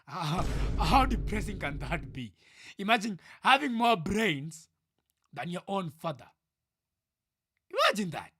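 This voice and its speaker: A man's voice: high voice, very animated, unhurried, pauses often, breathy edge, dry recording. A young Kenyan man in his twenties ranting heatedly on a livestream, repeating himself and dropping into mutters. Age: 20s. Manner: loud, heated and repetitive, often dropping to mutters. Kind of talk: livestream reaction rant.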